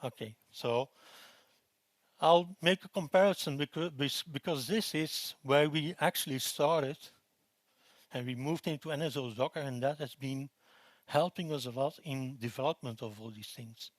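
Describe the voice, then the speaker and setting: A man from Belgium in his forties, giving a relaxed technical conference talk with frequent fillers and restarts. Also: medium pitch, moderate pace, no echo. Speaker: conference presenter. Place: conference room.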